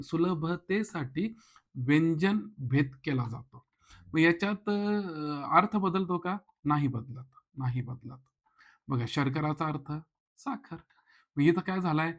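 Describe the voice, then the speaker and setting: A man with a Marathi accent teaching an exam-prep grammar lesson, explaining step by step and putting questions to his listeners. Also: a little high.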